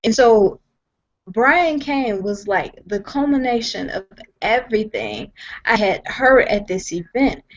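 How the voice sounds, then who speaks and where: Her voice is a little high, with lively intonation, and she speaks slowly. A young woman at home, she shares her story on a video call in an earnest, emphatic way, frequently repeating herself and restarting sentences, all through dull, lo-fi call audio.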